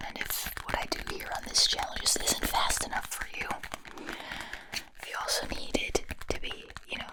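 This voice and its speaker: Whispering woman ASMR host. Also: rough recording. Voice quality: breathy unvoiced whisper. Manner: informal, chatty, explanatory. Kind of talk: whispered ASMR, casual chat to viewers. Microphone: close Tascam recorder mic.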